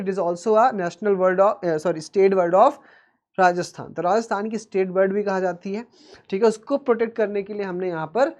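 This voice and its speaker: A man's voice: high voice, a little mellow. Hindi-English mixing male teacher. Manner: calls students "beta", fills with "theek hai"; mixes Hindi with slow, careful English phrases. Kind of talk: classroom-style video lesson.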